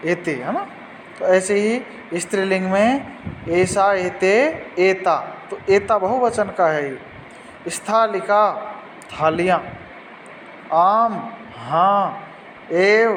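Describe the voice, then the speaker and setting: A man's voice: high voice, long reverb tail, slight background noise, rough recording. A man teaching a Sanskrit lesson, patiently explaining words and asking pupils questions.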